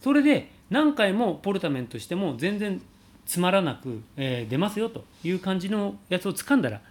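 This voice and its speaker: A man teaching singing, calmly answering a viewer's question about high notes and showing sung slides. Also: normal speed. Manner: explains calmly, demonstrates sliding sung vowels.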